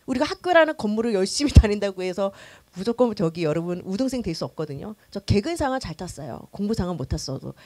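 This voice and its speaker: A middle-aged woman pastor teaching a church class for new members in a lively, conversational way, acting out the quotes she tells. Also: a little high, dry recording. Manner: conversational, animated, acts out quotes.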